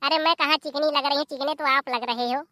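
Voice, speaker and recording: Cartoon daughter-in-law, voiced by an actor, young woman, sarcastic, high bright voice. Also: fairly even intonation, fast, no room sound, clean studio sound. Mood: tart. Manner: sarcastic, tart.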